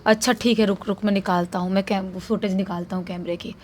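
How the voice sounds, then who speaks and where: A woman voicing an older grandfather who calmly reassures his scared granddaughter. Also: medium pitch, fairly quick, lightly acted. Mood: soothing. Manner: calm, soothing, fatherly.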